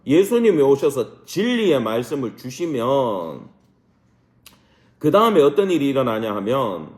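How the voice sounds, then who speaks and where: A man's voice: medium pitch, very animated, measured pace, echoey room. A man, a pastor, teaching a Bible study class in a church room, asking rhetorical questions and mixing casual and polite speech.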